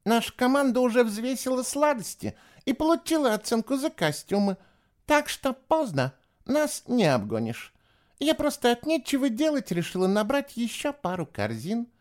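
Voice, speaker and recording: A man's voice: very high voice, sing-song, moderate pace, voice pushed up. A man reading an audiobook, voicing a bossy, scornful girl who talks sharply and mockingly.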